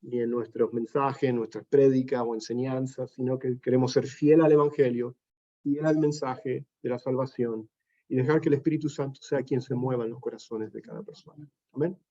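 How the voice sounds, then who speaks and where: Mellow-voiced man teaching a Bible class. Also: medium pitch, steady tone, moderate pace, dull audio. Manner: conversational, many fillers like "este" and "¿no es cierto?". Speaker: pastor teaching a Bible study.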